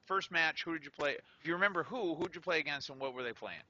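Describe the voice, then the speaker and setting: A show host interviews a tournament winner in a casual, upbeat and joking manner, full of fillers. His voice is a little high, fast, bright and forceful, and the recording is lo-fi.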